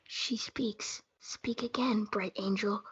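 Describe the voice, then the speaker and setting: A woman's voice: medium pitch, fairly even intonation, takes it slowly, slightly rough. A young woman playing a lovestruck, earnest, yearning young Romeo in a student reader's theatre performance. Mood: adoring. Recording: dull lo-fi audio.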